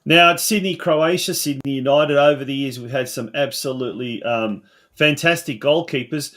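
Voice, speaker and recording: A man's voice: mid-range voice, moderate pace, a bit bright. A man hosting a football talk show, asking long, chatty, winding questions. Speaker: host.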